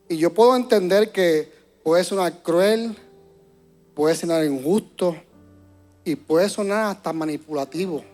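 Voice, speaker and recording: A pastor with a high-pitched voice preaches a sermon to his church congregation. He shifts between hushed and loud passages and often repeats words while searching for the right one.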